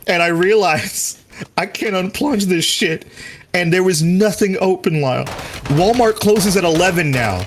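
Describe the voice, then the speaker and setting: A man's voice: high voice, background noise. A man co-hosting a casual game stream, joking and riffing with profane asides. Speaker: stream co-host. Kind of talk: casual gaming stream chat.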